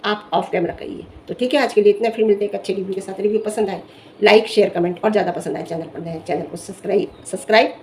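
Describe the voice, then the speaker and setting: A woman's voice: medium pitch, fast, a little hiss or hum. A young woman vlogger giving an emphatic, scolding commentary to camera. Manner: scolding, emphatic, animated rant. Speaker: vlogger reviewing social media drama.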